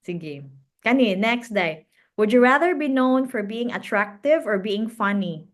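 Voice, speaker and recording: A woman's voice: on the high side, expressive, a little slow. A woman with a Cebuano accent co-hosting a podcast, chatting casually, mixing English and Cebuano and laughing often. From Cebu, Philippines. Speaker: podcast co-host. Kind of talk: casual chat.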